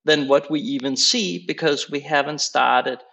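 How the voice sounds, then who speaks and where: A man's voice: fairly high pitch, unhurried, creaky, sharp tone, slightly rough. A man from Denmark, an investor on a panel call, casual and ending points with "right?". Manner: casual, tags remarks with "right?".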